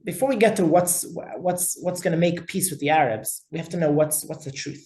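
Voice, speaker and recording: Teaching a class that mixes lecture and discussion, a rabbi speaks with emphasis and often says words over again. His voice is on the high side and a little mellow, his delivery brisk, and the recording is poor with an echoey room.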